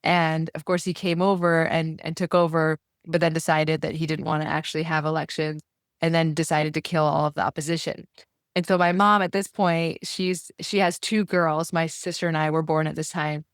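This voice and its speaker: In a clean studio recording with no echo, a woman in her forties speaks at normal speed in a low, level voice. She's a law professor from Iran who moved to the US as a child, and as an interview guest she tells a personal story earnestly and conversationally.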